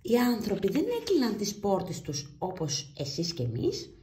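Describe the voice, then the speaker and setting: Expressive woman reading a storybook. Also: mid-range voice. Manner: animated, expressive reading with sound effects. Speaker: storybook reader. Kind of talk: reading a children's storybook aloud. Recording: roomy echo.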